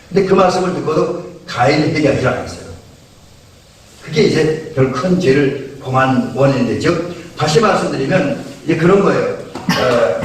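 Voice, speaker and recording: Higher-voiced pastor in an echoey church. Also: male voice. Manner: conversational preaching with frequent fillers and restarts. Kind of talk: evening sermon. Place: church sanctuary. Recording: echoey church hall, mic far off.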